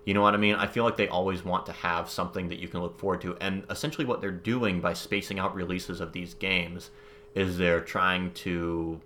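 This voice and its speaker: A man's voice: low-pitched, steady tone, brisk, bright, forceful tone. A man chatting casually on a podcast about video games, hedging and restarting often, with a dry sarcastic streak. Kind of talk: casual chat.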